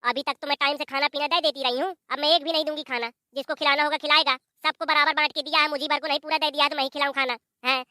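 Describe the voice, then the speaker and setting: A woman's voice: sits high, steady tone, very fast, few pauses, bright, forceful tone, no echo, studio quality. A woman voicing a sassy, defiant young daughter-in-law in a village cartoon, speaking with a Bundelkhandi Hindi accent. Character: sharp-tongued young daughter-in-law, phone-obsessed.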